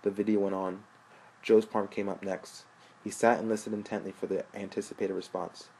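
A man narrating a story aloud in a steady, plain way. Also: fairly low pitch, normal speed, slightly rough, poor audio. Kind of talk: audiobook narration.

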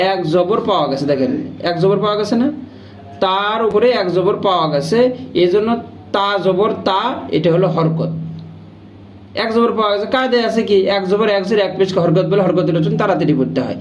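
A man teaches a reading lesson. He drills each letter slowly and repeats the rules in a chanting tone. The recording is echoey and dull, with faint hiss behind him. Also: high voice. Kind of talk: slow step-by-step recitation lesson.

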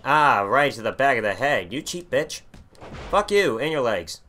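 A young man commentating a wrestling video game as he plays, excitable and full of profanity. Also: medium pitch, moderate pace, a little hiss or hum. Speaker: gaming channel host. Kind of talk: let's play commentary.

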